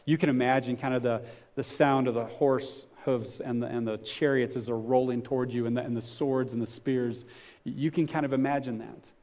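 A man's voice: medium pitch, fairly even intonation, normal speed, darkish tone. A man preaching a sermon as pastor, talking conversationally, with rhetorical questions and frequent restarts.

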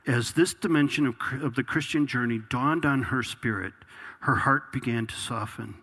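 A man's voice: medium pitch, normal speed, a bit bright, husky. A man preaching a sermon, reading a passage aloud and then exhorting the congregation with growing intensity. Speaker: pastor.

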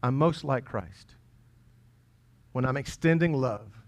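Man pastor preaching; easygoing, teasing, punches key lines then drops low. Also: slow pace. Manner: conversational and playful, swinging between loud emphasis and quiet asides. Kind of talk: sermon. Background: congregation chuckling.

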